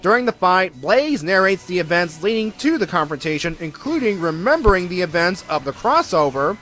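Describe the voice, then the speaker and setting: Guy reviewing comics, kinda high voice, sarcastic little jokes, quiet music behind. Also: very animated, a little fast. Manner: wry, sarcastic asides. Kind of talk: scripted review narration.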